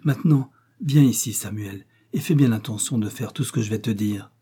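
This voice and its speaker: A fretful, tender older innkeeper's wife, pleading and anxious, as a male audiobook reader puts her on. The voice is mellow and slightly husky, lifted a little above the reader's own. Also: on the low side, normal speed. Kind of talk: audiobook character reading.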